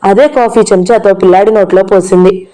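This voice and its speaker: A woman's voice: medium pitch, steady tone, fairly quick, warm tone, low-quality recording. A woman narrating a novel as an audiobook, reading all the dialogue in her own voice. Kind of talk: reading a novel aloud, voicing all characters.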